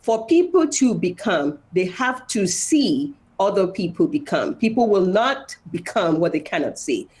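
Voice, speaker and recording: Speaking a little slowly with few pauses, this Nigerian-accented woman has a lowish, slightly mellow voice with big pitch swings. She's being interviewed as an engineer and founder of a foundation, offering personal, motivational words and driving points home by repeating phrases.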